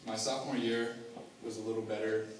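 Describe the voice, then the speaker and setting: A young man shares his personal testimony in a low, flat voice, stopping and restarting often with lots of fillers. He is heard from some distance in a very echoey hall, with a faint hum of ambience behind him. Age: young adult. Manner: halting, many fillers and restarts. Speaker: student giving a testimony.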